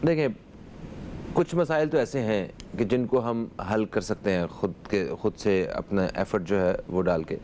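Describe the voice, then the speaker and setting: A man hosting a talk show who asks calm questions and gives short acknowledgements. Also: fairly low pitch, slight background noise. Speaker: host. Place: TV studio.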